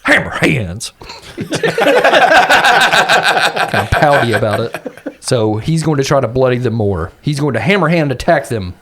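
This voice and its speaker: A man plays his character in a tabletop game with a mid-range voice. His pitch swings widely, and he often laughs as he lays out his moves. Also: unhurried, pauses often. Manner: laughing, animated storytelling. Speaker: player.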